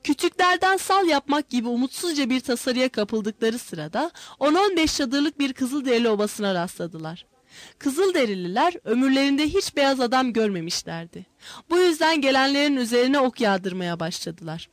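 A woman narrating an adventure story aloud in a measured, expressive audiobook reading. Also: high-pitched, no room sound.

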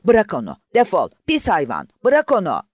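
Guy reading as a starving worn-out young castaway woman, desperate, lively pitch swings. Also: a little fast, dry recording. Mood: shouting.

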